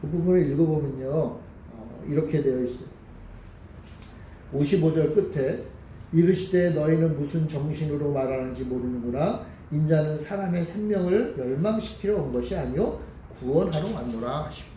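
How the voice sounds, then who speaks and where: A man's voice: a little high, normal speed, dark tone, slight background noise. A man preaching a Sunday sermon as pastor, talking to the congregation and putting questions to them. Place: church sanctuary. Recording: echoey church hall with faint ambience.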